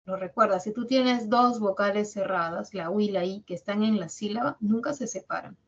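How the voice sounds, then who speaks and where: A woman's voice: medium pitch, moderate pace. Woman, Peruvian Spanish accent, language teacher, patient classroom lecture, stretches words into syllables, muffled lo-fi recording. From Peru. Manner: explains patiently, drawing out example words syllable by syllable.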